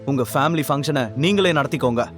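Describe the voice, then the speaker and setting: A man's voice: on the high side, fast, a bit bright, faint music behind, lightly acted. A man voicing a stern, protective middle-aged father in an audio story, speaking firmly.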